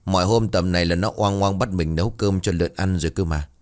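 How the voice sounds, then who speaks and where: A man's voice: deep voice, brisk, close to an everyday voice. A man voicing an older village sorcerer who mutters, curses and stammers. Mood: muttering.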